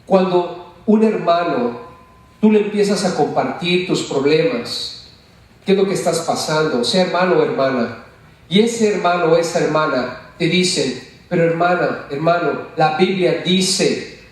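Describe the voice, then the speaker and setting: Male pastor, fairly high voice, preaching from a distance in a very echoey church. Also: measured pace. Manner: asks the congregation questions, calls them brothers. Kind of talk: sermon. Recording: echoey church sound from far off.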